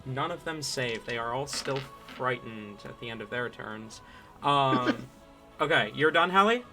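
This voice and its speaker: A man acting as game master, narrating and making rulings in a halting, deliberate way. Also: mid-range voice, animated, over music.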